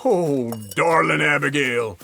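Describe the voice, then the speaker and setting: A man's voice: on the high side, takes it slowly, gravelly, sharp tone, exaggerated voice. An actor playing a crude old male drifter who mocks and needles in a video game. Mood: mocking.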